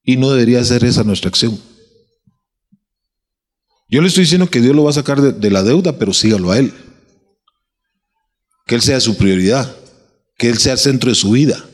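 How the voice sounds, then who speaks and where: A man's voice: mid-range voice, animated, moderate pace, long pauses, breathy edge, long reverb tail. A man preaching a sermon, asking his listeners questions and restarting his phrases as he builds his point.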